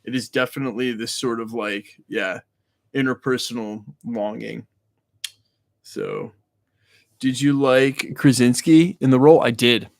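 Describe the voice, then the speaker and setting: A man's voice: mid-range voice, steady tone, a little slow, vocal fry, no room sound. A man hosting a late-night livestream, chatting casually with viewers in a loose, profane, slang-heavy way. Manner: loose and profane, joking rants to chat; slang-heavy, addresses viewers as "y'all" and "bro". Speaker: livestream host. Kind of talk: casual livestream chat, reading and answering viewer comments.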